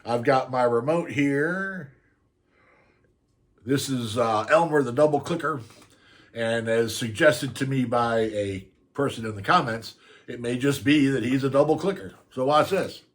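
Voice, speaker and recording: A man's voice: mid-range voice, unhurried. An older man telling a story on his channel in a casual, rambling way, often laughing as he goes. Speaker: vlogger.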